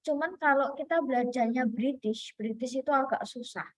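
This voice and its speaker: A woman's voice: high voice, normal speed, no echo. A woman lecturer from Indonesia giving a chatty online lesson, full of fillers and restarts.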